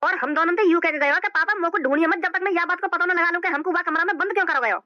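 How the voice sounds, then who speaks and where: A woman's voice: very high voice, very fast, bright, forceful tone, no room sound, dull audio. A woman voicing a flustered rustic father in a cartoon who rambles as he talks.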